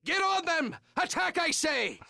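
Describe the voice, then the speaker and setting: An aggressive fantasy warrior from a video game, barking commands in battle. The shouts are bright and forceful, with big swings of pitch, recorded close and dry. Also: male voice, very animated, unhurried, gravelly, no room sound, exaggerated voice. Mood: violent, urgent.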